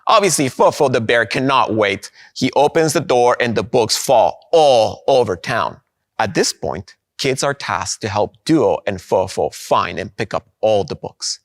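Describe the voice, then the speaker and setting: A man from Guatemala, giving an upbeat conference keynote and slowing down to stress key points. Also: mid-range voice, no echo, studio quality. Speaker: presenter of a product.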